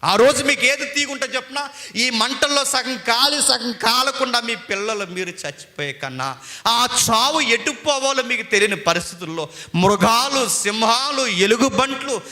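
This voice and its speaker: A man with a Telugu accent preaching a sermon with passion, his pitch and loudness rising and falling sharply. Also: expressive, normal speed, in a large hall. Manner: impassioned preaching with dramatic swings of pitch and loudness. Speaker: pastor.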